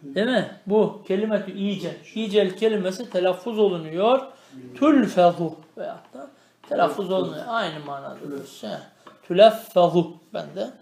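A man teaching a traditional grammar lesson. He reads Arabic phrases slowly, explains them, and keeps asking the student questions. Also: sits high, creaky, a little mellow, reverberant. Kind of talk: traditional religious lesson, explaining a text line by line.

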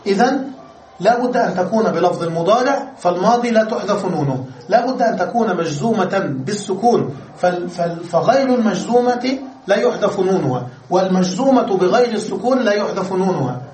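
A man's voice: high-pitched, animated, fairly quick, a little mellow. A male Arabic grammar lecturer giving a classroom lesson, explaining step by step and checking that students understand. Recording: roomy echo, distant mic, faint noise.

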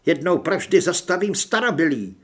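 A man's voice: on the high side, big pitch swings, fairly bright tone. A man voicing a chubby, fanatical male occultist who whines when scared and turns commanding. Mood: menacing. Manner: whining and pleading when scared.

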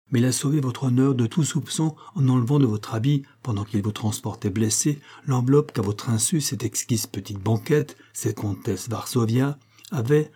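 A man's voice: mid-range voice, mellow, husky, natural voice. A man voicing a grave, fatherly minister. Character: dignified, fatherly male government minister.

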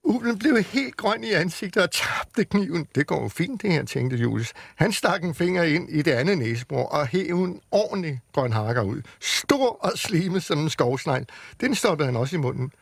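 A man on the radio, reading a children's book aloud with lively storytelling in a studio. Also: on the high side, creaky, slightly rough, no echo. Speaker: radio reader.

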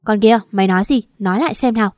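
A woman's voice: medium pitch, racing, dry recording, clean studio sound, lightly acted. A woman voicing an angry, jealous young wife who accuses her husband. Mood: furious. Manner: shouting, accusing.

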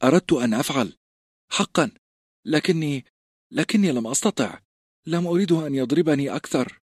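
A man's voice: on the high side, lively intonation, fairly quick, slightly rough, dry recording, clean studio sound, pitched above the performer's own voice. A man doing a stammering timid fat boy. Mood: ashamed. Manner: hesitant, stammering, apologetic. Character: plump timid teenage boy, stammering coward. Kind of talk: audiobook character voice.

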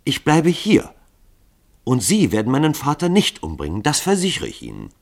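A man's voice: mid-range voice, huge pitch swings, normal speed, gravelly, voice pushed up, full character voice. A man voicing a young woman who speaks earnestly and defiantly.

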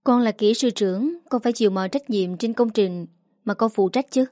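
A woman's voice: fairly high pitch, a little fast, no room sound, clean studio sound, close to an everyday voice. A woman voicing a weary young engineer. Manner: calm, sighing. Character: weary young male engineer, calm son.

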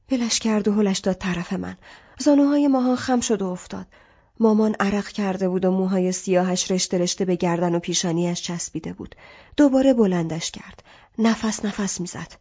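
A woman reads scripted literary narration in a calm, measured way. Her voice sits at an ordinary middle pitch. The recording sounds a little dull. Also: breathy edge. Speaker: audiobook narrator.

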